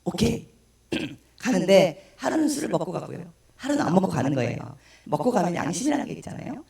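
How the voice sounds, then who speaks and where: A woman's voice: lowish voice, very animated, fairly quick, gravelly, dark tone. A woman guest speaker with a strained, unclear voice, giving a personal testimony at a church service and acting out the voices in her story. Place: church sanctuary. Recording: echoey room, distant mic.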